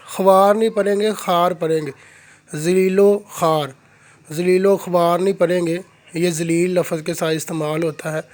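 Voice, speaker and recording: A man teaching Urdu pronunciation, repeating each word slowly and deliberately in a lesson. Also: a little high.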